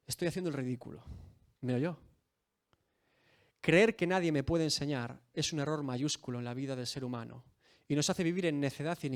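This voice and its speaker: A man's voice: high-pitched, a bit bright. A male pastor preaching a sermon, asking rhetorical questions and acting out the scripture scenes he tells. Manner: rhetorical questions, dramatic quoting of scripture figures.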